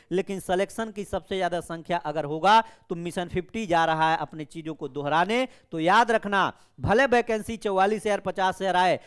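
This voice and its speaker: Young male coaching teacher, high and smooth, urgent and repetitive. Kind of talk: direct-to-camera exam update.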